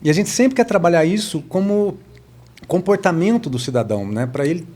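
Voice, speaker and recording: A man's voice: high-pitched, animated, a little fast, a little mellow. A man from Brazil, hosting a talk show in a chatty, enthusiastic way, with lots of rambling and tag questions. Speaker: host.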